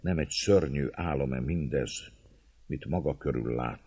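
Deep-voiced man narrating a novel. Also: dark tone, husky, no echo. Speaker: audiobook narrator. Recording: dull lo-fi, dry sound.

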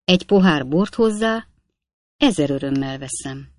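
A woman playing a polite grateful young gentleman. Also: deep voice, lively intonation, dry recording. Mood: pleased.

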